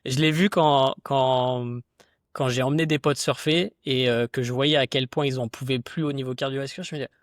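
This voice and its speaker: A man talking as a podcast guest and fitness coach, in a chatty, relaxed, slangy way with lots of fillers. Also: medium pitch, brisk, no echo, clean studio sound. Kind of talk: casual conversation.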